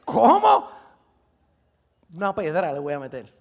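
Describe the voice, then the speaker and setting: A man's voice: high-pitched, expressive, fast talker. A man voicing a bold, confident young shepherd boy in a sermon story. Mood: defiant.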